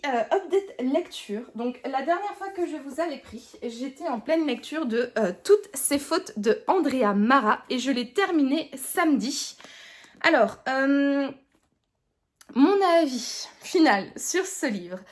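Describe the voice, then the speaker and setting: A woman's voice: high voice, very animated, slow pace. A young woman, chatting casually to camera about books, rambling with many fillers and restarts. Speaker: book vlogger.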